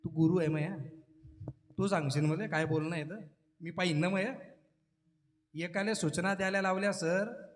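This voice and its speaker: A man's voice: high-pitched, steady tone, normal speed, pauses often, in a large hall. A man preaching a devotional kirtan sermon, teasing the listeners and joking with them between verses.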